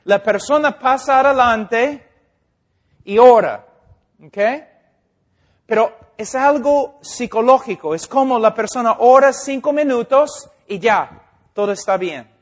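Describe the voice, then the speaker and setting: An English-speaking man gives an informal teaching sermon in Spanish, correcting himself and checking that listeners follow. His voice is very high-pitched and his pace slow.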